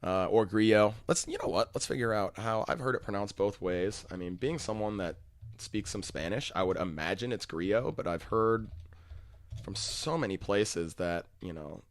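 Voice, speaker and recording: Talking at normal speed in a lowish voice, a man hosts a fantasy golf podcast packed with stats and picks. He keeps it casual and conversational, and there's no echo.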